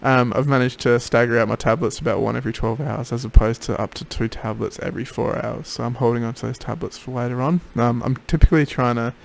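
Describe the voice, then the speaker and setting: Male, casual video diarist, worn out after throat surgery, creaky mid-pitched voice, low energy. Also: steady tone, quick pace, hardly any pauses. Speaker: patient keeping a recovery video diary. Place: home office.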